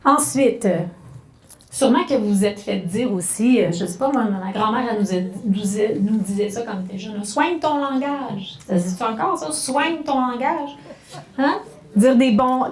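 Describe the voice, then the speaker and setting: A middle-aged woman with a Québécois French accent giving a spoken lesson on communication, talking conversationally and slowing down to act out examples. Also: fairly high pitch, a little mellow, reverberant. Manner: conversational, acts out examples with slowed, stressed phrases. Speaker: communication workshop speaker.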